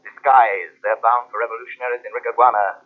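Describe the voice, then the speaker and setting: Through a thin, phone-like vintage radio sound comes an ominous vigilante, acted by a man. His mid-range voice is grave, measured and theatrical, commanding like an unseen avenger in a mystery serial. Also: mid-range voice, steady tone, close to an everyday voice. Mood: urgent warning. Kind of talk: old-time radio mystery acting. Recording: tinny, phone-like old radio recording.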